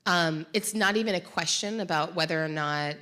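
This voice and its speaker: Reflective low-voiced woman on stage. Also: moderate pace, sharp tone. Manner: reflective, searching for words, many fillers. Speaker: podcast co-host. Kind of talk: live panel conversation. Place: live event on stage. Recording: uneven live-show sound.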